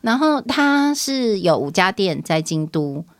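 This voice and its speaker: A woman chatting casually as a guest about food and travel, explaining step by step with hesitant pauses. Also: medium pitch, big pitch swings, dry recording, studio quality. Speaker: guest sharing restaurant picks from a trip.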